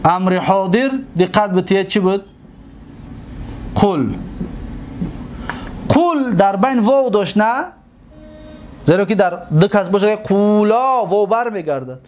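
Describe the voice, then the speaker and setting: A man with a high voice and a Tajik accent leads a grammar lesson. He repeats each verb form slowly and deliberately, stopping often to check that his students follow. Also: darkish tone, a little hiss or hum. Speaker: teacher of Arabic grammar. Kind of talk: classroom lesson.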